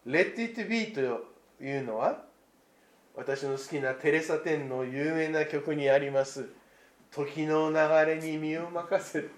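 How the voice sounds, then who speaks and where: A man preaching a Christmas sermon, slow and reflective with dramatic pauses. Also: high voice, roomy sound. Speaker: pastor.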